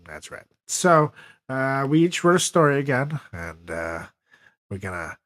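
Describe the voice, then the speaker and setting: This podcast host talks at medium pitch in a sing-song, slightly bright voice at a measured pace, with no room sound. Hosting a comedy show, he banters casually, swearing a lot and wandering through jokey, profane stories.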